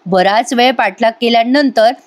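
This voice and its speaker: A woman's voice: a little high, normal speed. A woman giving a casual voice-over recap of a TV serial episode, retelling scenes with quoted lines and her own asides. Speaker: TV serial reviewer.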